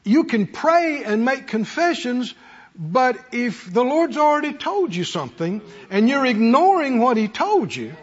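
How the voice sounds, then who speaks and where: Telling homely stories and asking his congregation rhetorical questions, this middle-aged or older preacher keeps a folksy, conversational manner. His very high, husky voice swings widely in pitch at a measured pace, and the hall sounds muffled with a long reverb.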